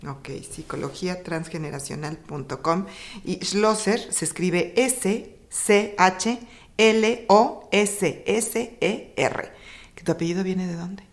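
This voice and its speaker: A woman hosting a podcast interview, asking lively questions. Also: fairly low pitch, slow. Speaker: podcast host.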